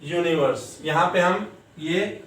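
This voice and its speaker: Male teacher, unhurried and repetitive, drilling sounds; distant mic, roomy classroom echo. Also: a little high, fairly bright tone. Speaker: English teacher. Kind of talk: classroom lesson. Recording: echoey room, distant mic.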